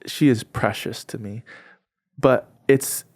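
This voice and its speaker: A man's voice: mid-range voice, slow, a little mellow, dry recording, studio quality. A young adult man, a podcast guest, telling his personal faith story in an earnest, heartfelt, conversational way, often saying "like".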